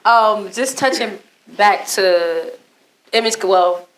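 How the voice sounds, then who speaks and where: A woman hosting a casual podcast interview, relaxed and affirming, with plenty of slang. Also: mid-range voice, slow, rough recording. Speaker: podcast host.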